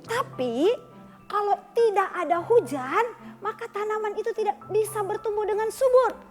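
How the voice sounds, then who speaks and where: Booming friendly sun spirit, played by a woman storyteller, loud, calling down from the sky, music under. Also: moderate pace.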